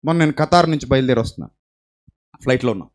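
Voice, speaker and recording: A man preaching a sermon who swings between loud emphasis and hushed storytelling, asks rhetorical questions and mixes English phrases into his speech. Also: mid-range voice, lively intonation, rapid-fire.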